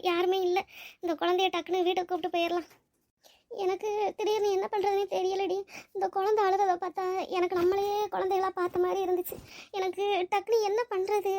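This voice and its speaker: Malar, a very high, flat anxious girlish voice, as a woman voices her. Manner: fretful, pleading, talks to herself. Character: young woman who took in a crying baby, anxious and tender. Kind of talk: cartoon voice acting.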